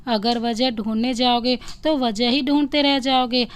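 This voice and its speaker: A woman's voice: on the high side, steady tone, measured pace, smooth, natural voice. A woman voicing a cheerful, carefree young man who philosophizes in a breezy way.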